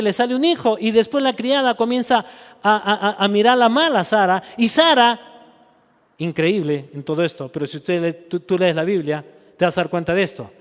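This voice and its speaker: High-voiced preacher in a reverberant hall. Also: male voice, clean tone. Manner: impassioned preaching with quoted voices, many restarts. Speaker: pastor. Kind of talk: sermon. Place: church. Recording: long reverb of a church hall.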